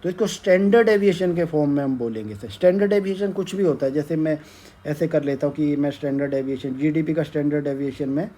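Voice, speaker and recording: A man teaching econometrics in a slow, step-by-step lecture, checking in after nearly every sentence and mixing in English terms. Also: a little high, warm tone. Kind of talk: whiteboard lecture.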